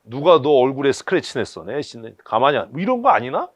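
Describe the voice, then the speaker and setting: A man's voice: medium pitch, very animated, brisk, no room sound. A man preaching a sermon in blunt, colloquial speech full of rhetorical questions. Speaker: pastor. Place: church service.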